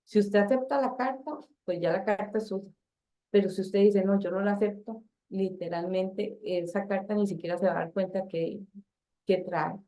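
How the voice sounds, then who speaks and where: A woman hosting a talk show, explaining ideas in a calm, reflective way. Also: medium pitch, normal speed.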